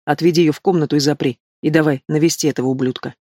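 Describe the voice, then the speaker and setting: Жестокий главарь банды средних лет, с ухмылкой и угрозой, в исполнении мужчины, аудиокнига. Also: male voice, fairly high pitch, steady tone, rapid-fire, warm tone, no echo, studio quality, natural voice. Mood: menacing. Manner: sneering, menacing. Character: cruel middle-aged male crime boss, sneering.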